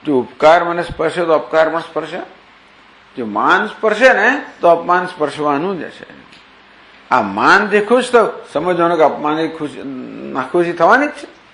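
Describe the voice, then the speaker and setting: Man, spiritual discourse, slightly high voice, echoey room, question-and-answer teaching. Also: lively intonation, normal speed, a bit bright. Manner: explains verses with questions and examples. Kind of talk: scriptural discourse.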